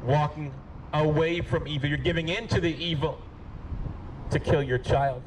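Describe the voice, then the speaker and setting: A man preaching in the open air by a street, pleading and rebuking by turns, at times shouting and then dropping low. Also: fairly even intonation, moderate pace, poor audio. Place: outdoors by a street with passing traffic. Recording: outdoor street noise, traffic. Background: cars passing.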